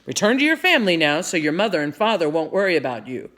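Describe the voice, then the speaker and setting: A woman voicing a stern, loud Revolutionary War army captain in a read-aloud storybook. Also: fairly low pitch, sing-song, fast talker. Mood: friendly. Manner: loud, calling out.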